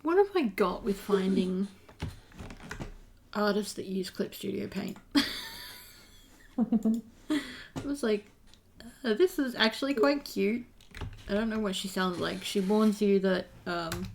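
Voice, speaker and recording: Gravelly Australian woman hosting a stream. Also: medium pitch, takes it slowly, pauses often, darkish tone, slight background noise. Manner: joking, self-mocking. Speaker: stream host. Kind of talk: casual stream chat.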